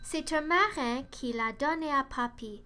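A woman voicing a kind, wise grandmother in a storybook reading, gentle and coaxing. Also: high voice, a little slow.

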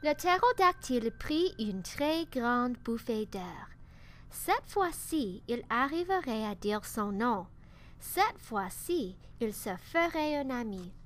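A woman reading a children's picture book aloud in a slow, careful, expressive way. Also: on the high side, slight background noise. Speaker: storybook reader.

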